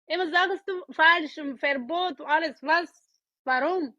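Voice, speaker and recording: A woman from Ethiopia on a video call, speaking halting broken German and repeating words. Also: high-pitched, sharp tone. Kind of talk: casual video-call chat. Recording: dull lo-fi video-call audio.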